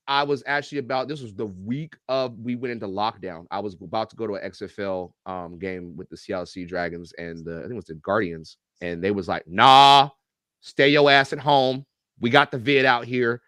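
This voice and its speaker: Animated, joking man telling stories. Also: fairly low pitch, a little fast, few pauses, no echo, studio quality. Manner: animated, profane, joking storyteller. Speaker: guest, YouTube reactor and coach. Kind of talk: casual podcast storytelling.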